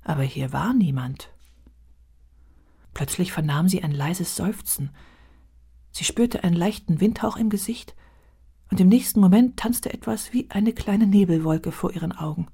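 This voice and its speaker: A woman reading a children's storybook aloud as narrator, measured and expressive. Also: fairly low pitch, husky.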